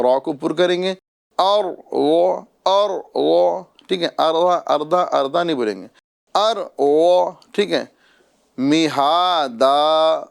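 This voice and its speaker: A male Quran recitation teacher with a voice set a little high. He drills pronunciation slowly, stretching each syllable and repeating every example several times. Between drills he keeps checking in with his listeners. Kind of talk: Quran reading lesson.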